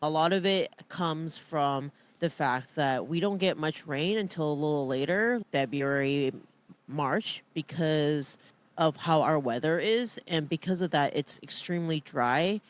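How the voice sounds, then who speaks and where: Female podcast co-host, smooth clear voice, chatty and self-deprecating, casual delivery. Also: deep voice, lively intonation, a little slow.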